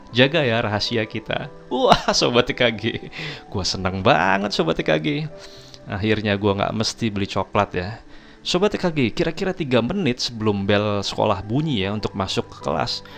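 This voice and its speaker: A man's voice: mid-range voice, creaky. A man telling a casual first-person story to his viewers, chatty and chuckling often. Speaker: storytelling vlogger.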